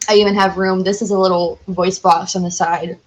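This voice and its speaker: Rambling and peppering her speech with "like," a young woman talks enthusiastically and casually as a guest on a podcast. She speaks a little fast in a lowish voice with a level tone.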